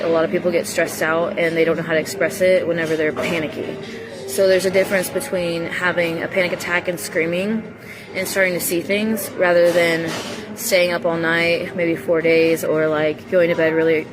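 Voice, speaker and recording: A woman's voice: deep voice, poor audio. Candid young woman rambling over music. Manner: candid, emphatic, repetitive, with blunt swearing. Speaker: livestream vlogger. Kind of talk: rambling, confessional livestream monologue. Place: coffee shop, indoors. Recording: music playing behind the voice.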